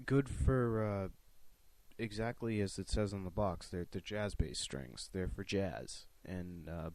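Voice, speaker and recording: Slow, low-voiced rambling young man. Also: darkish tone. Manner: rambling and profane, with many restarts. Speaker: video blogger answering viewer questions. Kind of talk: casual chat.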